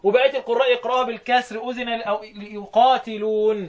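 A man's voice: extremely high pitch, level tone. A man with an Egyptian Arabic accent teaching Quran readings, quizzing his student and repeating each answer. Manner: quizzing, repeats answers, drills phrases slowly. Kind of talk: teaching the variant readings with call and response.

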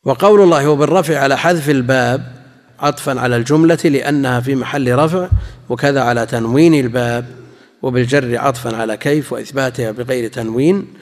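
Man teaching a religious lesson in a hall. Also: medium pitch. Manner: measured, explanatory, repeats key phrases. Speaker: Islamic scholar teaching hadith commentary. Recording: long reverb in a large hall.

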